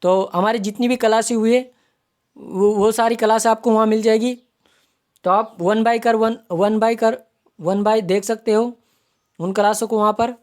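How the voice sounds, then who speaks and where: A woman's voice: a little high, fairly even intonation, normal speed, darkish tone. A woman teaching an online exam-prep grammar lesson, explaining step by step and repeating each term as she points it out. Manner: explanatory, repeats terms while pointing them out.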